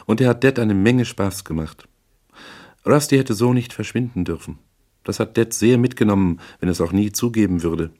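Haughty, volatile rich young woman, read by a man in a raised voice; cool mockery with a quick temper, audiobook reading. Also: fairly low pitch, dark tone, pitched above the performer's own voice, lightly acted. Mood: mocking. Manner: cool, mocking, quick to flare up.

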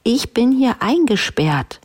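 A woman doing a shrill, stubborn storybook princess. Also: sing-song, slow, a little mellow, slightly rough, full character voice. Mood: indignant. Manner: insistent, indignant.

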